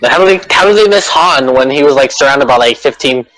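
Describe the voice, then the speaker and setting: A man's voice: medium pitch, lively intonation, quick pace, a bit bright, rough recording. A man chatting casually as a podcast co-host, putting questions in an inquisitive way. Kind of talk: casual chat.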